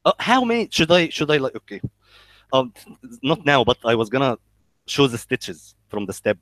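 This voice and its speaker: With big pitch swings and a fairly bright tone, this mid-range male voice carries an Egyptian accent through blunt, joking, profane casual talk. He stammers frequently, repeating the first sounds of words. The recording is dry.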